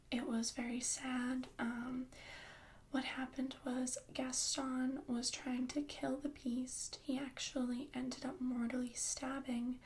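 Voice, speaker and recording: In a whispered ASMR roleplay, a woman plays a gentle, bookish young fairy-tale heroine, speaking in a soft unvoiced whisper that is chatty and reassuring. Her voice is high, the mood sombre, with slight background noise.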